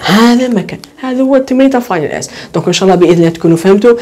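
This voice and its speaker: Fast-talking Algerian woman tutor. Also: medium pitch, expressive, darkish tone, a little hiss or hum. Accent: Algerian Arabic. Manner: asks questions and answers them herself, repeating key words. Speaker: English tutor. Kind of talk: online lesson.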